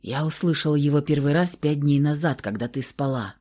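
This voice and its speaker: Audiobook: a hoarse, weak ancient vampire man, played by a woman, low and quiet. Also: normal speed. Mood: weak, tender. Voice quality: hoarse, hushed. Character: wounded ancient male vampire, weak and tender. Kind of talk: audiobook role reading.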